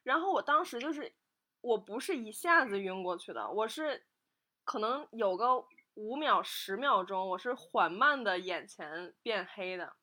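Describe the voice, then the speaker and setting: A woman's voice: medium pitch, lively intonation, measured pace, bright, forceful tone. A woman guest on a podcast, telling a story in casual chat, often repeating herself as she goes. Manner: hesitant, repeats herself while recounting.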